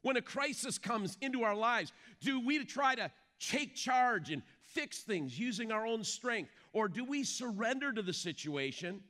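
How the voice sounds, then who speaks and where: A man's voice: very high-pitched, expressive, unhurried, hardly any pauses, sharp tone. A male pastor preaching a sermon in an emphatic way, putting rhetorical questions to his congregation.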